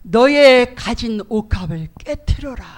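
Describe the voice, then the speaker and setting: A woman intoning a slow, solemn divine voice. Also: mid-range voice, fairly even intonation, lightly acted. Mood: commanding. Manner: slow, solemn, partly whispered. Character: commanding voice of God, solemn and slow.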